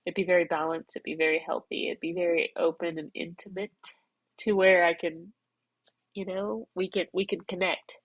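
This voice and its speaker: In a personal vlog, a middle-aged woman talks her feelings through while crying, congested and rambling as she reflects on herself. She speaks at normal speed in a voice on the low side, with little pitch movement and a breathy edge.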